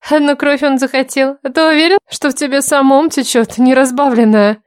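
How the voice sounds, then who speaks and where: A woman's voice: high-pitched, big pitch swings, fairly quick, voice pushed up. A woman doing a sly, sneering shapeshifter woman. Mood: mocking. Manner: sneering and teasing.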